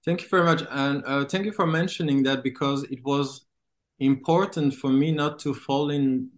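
A man's voice: mid-range voice, steady tone, moderate pace. Hesitant man from Congo. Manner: hesitant, many fillers and restarts. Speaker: filmmaker. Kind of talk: interview.

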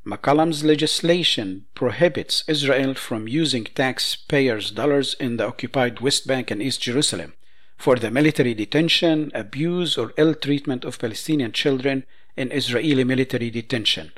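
A man presenting news commentary, reading statements in a measured, emphatic way. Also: mid-range voice, fairly bright tone.

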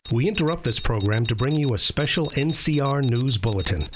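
A man's voice: mid-range voice, lively intonation, brisk, background noise, lightly acted. A man playing a radio newsreader giving a formal news bulletin. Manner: formal announcer read.

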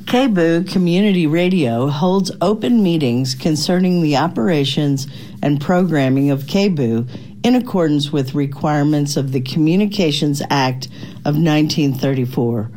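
A woman announcer reading a scripted station notice in an even, formal manner. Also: low voice, normal speed.

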